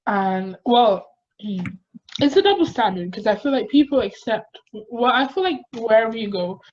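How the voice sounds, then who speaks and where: A woman's voice: a little high, expressive, unhurried, a little mellow. A woman chatting casually in a loose, rambling way, as if interviewing a friend. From Caribbean, lived in Jamaica. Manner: rambling, peppered with "like". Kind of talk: casual chat. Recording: dull lo-fi sound, noisy background.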